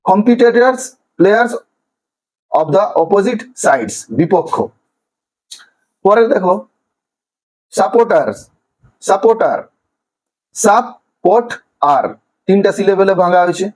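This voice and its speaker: Guy teaching a kids english lesson, high voice, drags each word out syllable by syllable. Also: lively intonation, a little mellow, rough recording. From Bengal. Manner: slow, drawn-out pronunciation of each word by syllables. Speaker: primary school English teacher. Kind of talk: classroom lesson explaining vocabulary.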